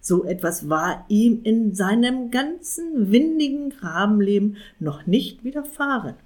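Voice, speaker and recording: A woman narrating a storybook aloud in a calm, quiet voice. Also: on the high side, unhurried. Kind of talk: storybook reading.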